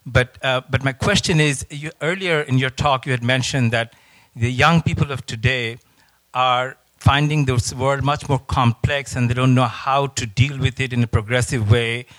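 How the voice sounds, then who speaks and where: A man's voice: medium pitch, steady tone, moderate pace, a bit bright, dry recording. A man from Bangladesh, an audience member, asking a question hesitantly with many fillers.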